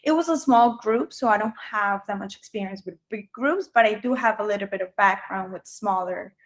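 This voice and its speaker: Over a video call, a job candidate from Colombia, a young native Spanish speaker, responds to interview questions haltingly, filling her answers with ums and starting over often. She speaks at a moderate pace in a mid-range voice.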